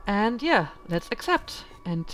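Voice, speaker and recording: A woman hosting a casual let's play, musing out loud in a thoughtful, hesitant way with lots of ums, recorded at home. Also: medium pitch, big pitch swings, slow pace, slight background noise. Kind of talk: casual gaming commentary.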